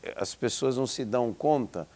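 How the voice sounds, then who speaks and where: A Hebrew-speaking psychology professor from Israel, now in his seventies, answers interview questions reflectively. He talks briskly in a medium, darkish-toned voice, yet stumbles through frequent restarts and fillers.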